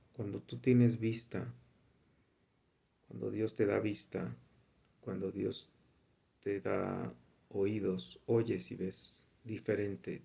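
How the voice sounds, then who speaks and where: Low gravelly man reading scripture. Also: warm tone. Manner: conversational, reads scripture aloud and comments. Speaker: preacher. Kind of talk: informal Bible teaching.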